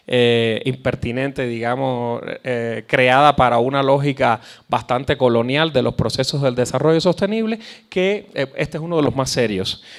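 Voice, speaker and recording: A man with a Caribbean Spanish accent speaks to an audience as a lecturer. His voice sits at a medium pitch. He talks conversationally, pausing as he looks for words and repeating phrases to drive a point home. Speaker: guest speaker, cultural policy researcher. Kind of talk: public lecture addressing an audience.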